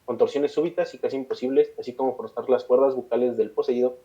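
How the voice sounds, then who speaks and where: A podcast co-host with a Mexican accent reads long scripted passages, then drops into slangy, casual banter. His voice is medium-pitched, steady and quick, with a mellow quality. The podcast audio is dull and lo-fi.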